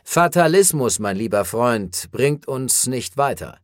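A man reading an audiobook voices a calm, formal alien who speaks in measured, analytical sentences. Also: mid-range voice, no echo, studio quality.

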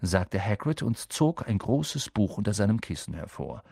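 A man narrating an audiobook in a scripted, expressive way. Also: on the low side, moderate pace, vocal fry, husky, no room sound, clean studio sound. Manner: expressive, character voices.

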